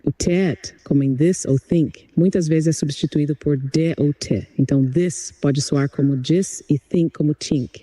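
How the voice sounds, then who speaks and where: A man's voice: a little high, dark tone, dry recording. A computer-generated male voice acting as an English tutor, speaking in an upbeat, encouraging, polished way. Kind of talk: chatbot voice giving an English lesson.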